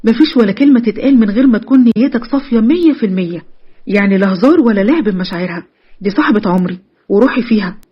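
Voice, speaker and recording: A woman's voice: medium pitch, animated, breathy edge, dull audio. A woman voicing a bossy, teasing Egyptian best friend. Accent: Egyptian Arabic. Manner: teasing, brisk, commanding.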